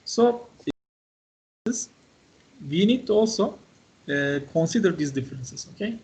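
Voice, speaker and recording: A man's voice: sits high, lively intonation, a little slow, a little mellow. A man giving a university class lecture in short fragments, often checking in with "right?" and "okay?".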